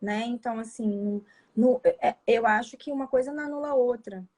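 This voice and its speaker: Woman, Brazilian accent, slightly high voice, husky, hesitant chat. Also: brisk, a little mellow. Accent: Brazilian Portuguese. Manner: hesitant, frequent restarts and "né?". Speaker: psychologist. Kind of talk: casual conversation.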